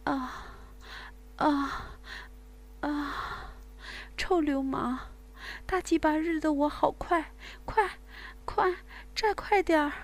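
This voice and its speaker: A woman's voice: high voice, slow, voice pushed up. A woman doing a breathless, pleading young lover.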